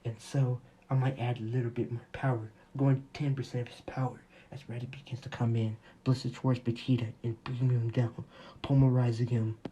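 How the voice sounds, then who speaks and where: A man's voice: mid-range voice, level tone, a little fast, dark tone, husky. A young man casually narrating a fan-made story in a rambling, offhand way. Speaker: YouTube storyteller.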